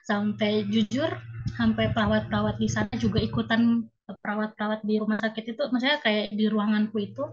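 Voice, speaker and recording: A young woman telling an emotional personal story in a halting, hesitant way, with many fillers. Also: medium pitch, little pitch movement. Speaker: guest sharing a personal story. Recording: muffled lo-fi call audio.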